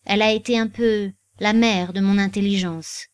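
A woman's voice: mid-range voice, steady tone, normal speed, clear, resonant tone, no room sound, studio quality, close to an everyday voice. Woman reading as an earnest young nobleman. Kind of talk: audiobook character reading.

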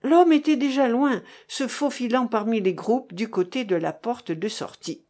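A woman narrating a novel aloud in an expressive reading style. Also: a little high, normal speed.

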